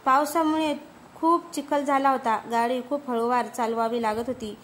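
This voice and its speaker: Woman reading a horror story, high voice, steady and suspenseful, bit of hiss. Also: moderate pace. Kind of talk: scripted narration of a horror story.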